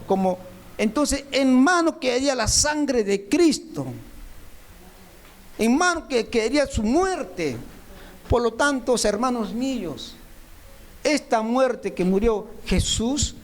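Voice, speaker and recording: A man preaching a sermon, speaking straight to his listeners and driving points home through repetition. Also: high-pitched. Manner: repetitive emphatic phrasing, speaks directly to listeners. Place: church meeting room.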